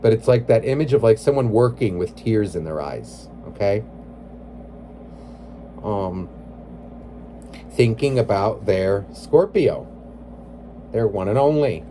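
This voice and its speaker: A man's voice: lowish voice, expressive, slow pace, pauses often, dark tone, slight background noise. Rambling man reading tarot cards. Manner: rambling, heavy use of "like" and "you know"; emotionally invested, blunt. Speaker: tarot reader.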